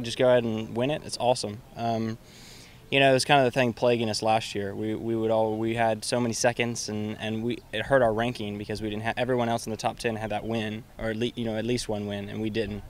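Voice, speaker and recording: A young man, a college golfer, answering interview questions casually, halting and repeating words. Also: lowish voice, fairly even intonation.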